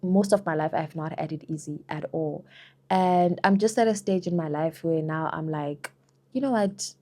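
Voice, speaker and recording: A young South African woman, a vlogger, answers viewer questions in a casual, chatty video, often saying "girl" and "you know." Her voice sits low and sounds mellow, moving at a moderate pace.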